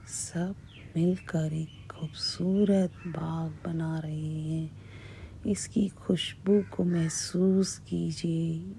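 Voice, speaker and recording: A woman speaks as a hypnotist, very slowly and in an even, low-key tone. Her breathy voice often sinks toward a whisper and repeats soothing suggestions with long pauses. A faint hiss sits behind her. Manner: hushed, repetitive, measured delivery with long pauses. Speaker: hypnotist guiding a relaxation session. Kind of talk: slow, soothing guided hypnosis.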